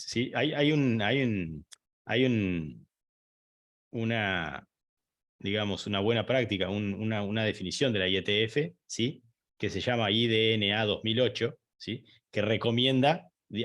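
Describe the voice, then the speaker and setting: Man, low-pitched instructor, explains patiently with restarts and "¿sí?" checks. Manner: explanatory, many fillers and restarts, frequent "¿sí?" checks. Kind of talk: online training lecture.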